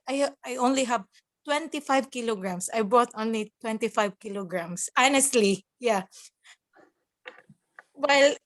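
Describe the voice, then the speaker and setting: A Filipino nurse working abroad, whose first language is Cebuano, is a guest in a casual interview that mixes German and English. She has a Filipino accent, often halts to find words, and laughs a lot. Her voice is fairly high and fairly bright.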